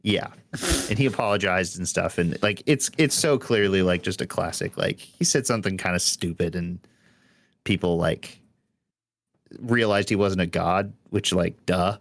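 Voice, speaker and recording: A man's voice: low-pitched, normal speed. A young man co-hosting a casual music podcast, rambling and filling his talk with "like". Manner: rambling, heavy use of "like", frequent laughs. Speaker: podcast co-host.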